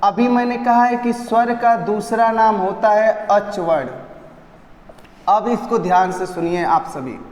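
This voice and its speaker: A man's voice: high voice, a little slow, darkish tone. A man teaching an exam-prep lesson, repeating terms and chanting lines to drill them. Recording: echoey roomy reverb.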